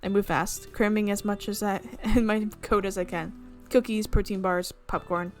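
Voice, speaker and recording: A woman hosting a gaming video reads a visual novel's narration in a medium-pitched voice that barely moves in pitch, keeping a moderate pace. Soft music plays as she repeatedly catches and corrects her own mistakes.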